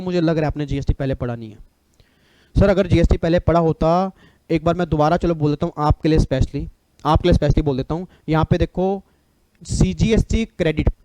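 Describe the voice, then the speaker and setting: A man's voice: a little high, warm tone, no room sound. A man teaching an online exam-prep lecture, joking and bantering with his students.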